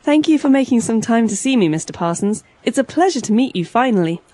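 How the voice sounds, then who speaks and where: An actress doing a polite young woman arriving for a job interview in a lesson dialogue. Her voice sits somewhat high, and her manner is gracious and courteous. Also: lively intonation, fast talker, warm tone, no echo.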